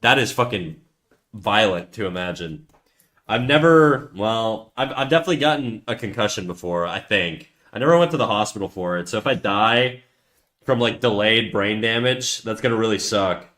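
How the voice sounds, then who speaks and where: This livestreaming artist talks at a normal speed in a fairly low, slightly bright voice with lively intonation. He draws while he chats, rambling on, swearing freely, poking fun at himself and frequently starting sentences over.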